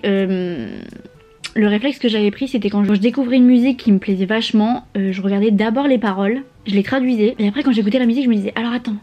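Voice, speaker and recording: A woman's voice: fairly high pitch, darkish tone. A young woman from France chatting casually in a vlog from her bedroom, slangy and playful, swearing freely, with asides. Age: young adult. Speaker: au pair vlogger. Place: bedroom, sprawled on her bed.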